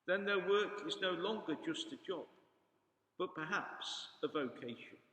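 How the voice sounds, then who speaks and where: A man with a fairly high-pitched voice delivers a solemn pulpit sermon. His phrasing is formal and measured, as a priest reads scripture or preaches a homily. The sound is very echoey, ringing with the long reverb of a large hall. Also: animated, fairly bright tone.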